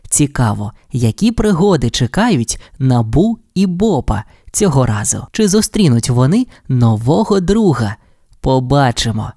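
Low-voiced woman telling a bedtime story. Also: no echo, clean studio sound. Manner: warm, addressing the child listener directly. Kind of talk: children's audio storybook narration.

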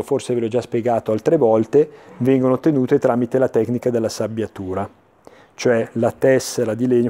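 A man presenting items in an unscripted infomercial style, explaining in a measured way with searching pauses and repetitions. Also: medium pitch, warm tone. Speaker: antiques dealer presenting items on a TV sales show. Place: indoor furniture showroom.

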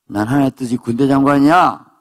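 A man preaching a sermon at a prayer retreat, animated and acting out voices in quotes. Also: fast. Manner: animated preaching, voices characters in quotes, jumps to high exclamations. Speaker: pastor.

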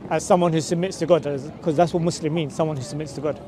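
Against a noisy background, a street preacher in a busy city square speaks quickly in a fairly high, steady voice. A camera mic a few meters away catches him in street conversation, pressing his questions and persuasively checking again and again with "right?" and the like.

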